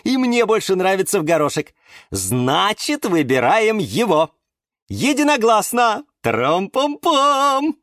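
A man's voice: high-pitched, sing-song, a little slow, fairly bright tone, no echo, clean studio sound, voice pushed up, heavily acted. A man voicing a cheerful young man in love, beaming and sing-song, in a children's storybook.

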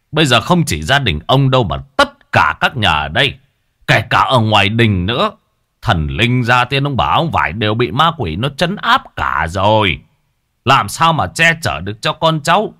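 A man doing a calm, self-assured exorcist. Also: lowish voice, no echo, studio quality, full character voice. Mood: measured. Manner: slow, measured, authoritative.

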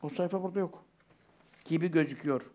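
A man's voice: fairly high pitch, fast talker, warm tone, muffled recording. An older man preaching in an informal, rambling religious lecture, talking conversationally with rhetorical questions and asides to his listeners.

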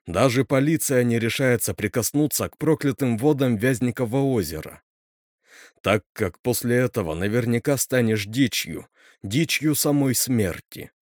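A man's voice: medium pitch, dry recording, studio quality, natural voice. A man voicing a stern, grim male teacher who talks bluntly and scolds, in a read-aloud horror story. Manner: blunt, scolding, snaps loudly.

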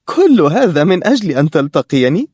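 A man's voice: a little high, very animated, a little fast, warm tone, husky, no room sound, studio quality, voice pushed up. A man voicing a young woman heroine in an audiobook, lifting his voice for her lines. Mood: eager.

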